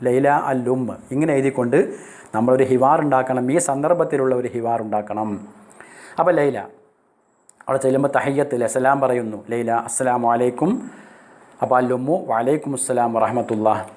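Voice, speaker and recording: A male Arabic teacher from Kerala explaining a lesson step by step, speaking Arabic phrases slowly and then translating them. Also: mid-range voice, darkish tone. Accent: Kerala Malayalam. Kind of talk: recorded classroom lesson.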